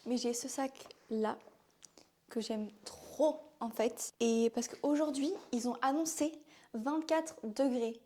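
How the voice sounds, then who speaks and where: A young woman with a regional French accent chatting casually in a vlog, rambling and filling pauses with "euh". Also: a little high, dark tone, a little hiss or hum. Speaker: vlogger.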